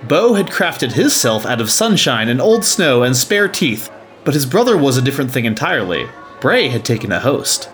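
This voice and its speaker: Over soft background music, a man narrates a scripted story in a mid-range voice that swings widely in pitch. His tone is fairly bright and his pace moderate.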